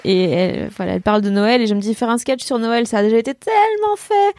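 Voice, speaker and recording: A woman comedian from Belgium chatting casually on a podcast, animated, laughing and swearing freely. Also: on the high side, quick pace. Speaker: comedian guest.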